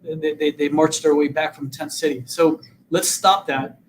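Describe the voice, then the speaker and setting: This political candidate, a Vietnamese-born man in his 50s, answers as an interview guest earnestly, his fairly high voice at normal speed with fairly even intonation. Slight background noise is present, and he frequently repeats words when beginning a sentence.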